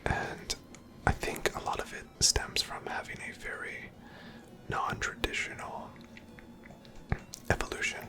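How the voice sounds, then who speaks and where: Over gameplay, an ASMR streamer muses aloud in an unhurried, breathy whisper with no voiced sound.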